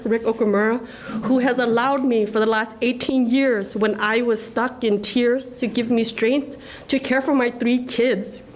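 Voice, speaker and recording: A fairly high-pitched woman from Laos, in her forties, delivers an award acceptance speech at a podium in a government ceremony room, heard through a rough recording. She speaks earnestly and with emotion, occasionally near tears.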